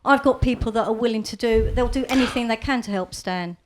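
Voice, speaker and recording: A woman's voice: fairly high pitch, a little fast, slight background noise. A woman, a supporter who organises events, making an earnest, pleading case at a fans forum.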